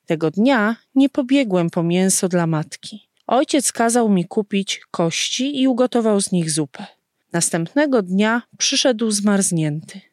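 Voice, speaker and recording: A woman reading a story aloud slowly and expressively, giving the characters' lines their own voices. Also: medium pitch, expressive, a little mellow, dry recording, clean studio sound. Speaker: narrator.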